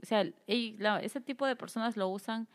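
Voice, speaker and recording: A woman's voice: a little high, normal speed. A woman from Peru, co-hosting a casual podcast chat and cutting in with emphatic, indignant questions. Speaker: podcast co-host. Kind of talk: casual conversation.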